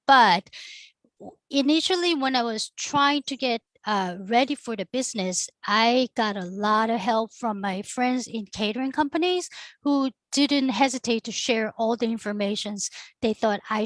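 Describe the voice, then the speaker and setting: A woman's voice: on the high side, moderate pace, a bit bright, no echo. A middle-aged woman from Korea with a Korean accent, a catering founder talking through her career on a discussion panel, earnest and full of fillers. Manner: earnest storytelling with frequent fillers. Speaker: catering company founder, guest.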